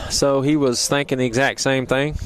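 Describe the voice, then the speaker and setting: A man's voice: mid-range voice, normal speed, low-quality recording. A man giving casual, rambling play-by-play commentary on a school baseball game, openly rooting for his team. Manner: relaxed, rambling, partisan for the home team. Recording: crowd noise at an outdoor ballpark.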